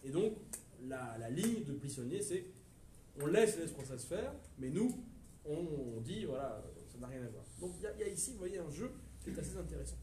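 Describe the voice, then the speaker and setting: A man with a French accent giving a history lecture to a live audience, lively and digressive, with hesitations and asides to the listeners. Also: a little high, brisk, a little hiss or hum. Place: lecture room at a university research center. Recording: echoey lecture room from far off, faint ambience.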